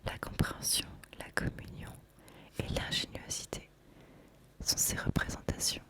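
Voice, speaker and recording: A woman whispers a gentle, unhurried ASMR presentation of an oracle card deck, choosing her phrasing with care.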